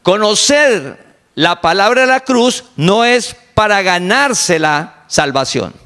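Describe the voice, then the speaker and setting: A man preaching a sermon to his congregation, repeating key phrases slowly for emphasis. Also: sits high, animated, sharp tone. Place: online congregation meeting.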